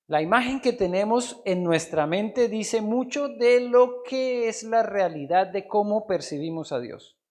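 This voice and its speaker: High-voiced Colombian pastor preaching. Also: male voice, animated, measured pace. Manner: dramatic preaching, swings between soft asides and loud emphasis. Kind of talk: sermon. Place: church.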